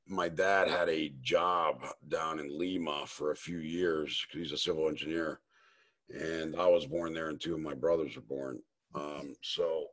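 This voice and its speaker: A man's voice: sits low, a bit bright. A man from Maryland hosting a casual interview, rambling with lots of fillers and restarts. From Maryland, USA. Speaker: host.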